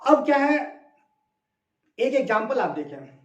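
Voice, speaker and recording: A male tutor giving a grammar lesson, slow and deliberate, repeating example words and asking questions to the listeners. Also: extremely high pitch, big pitch swings, echoey room, dull audio. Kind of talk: classroom-style grammar lesson.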